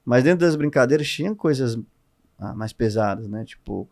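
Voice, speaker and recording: A man with a Brazilian accent speaks as a podcast guest. His voice sits at an ordinary middle pitch, and he tells his stories and explains his points with lively, expressive energy. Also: normal speed, gravelly. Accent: Brazilian Portuguese. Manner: animated, expressive storyteller. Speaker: guest entrepreneur. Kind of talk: casual podcast conversation.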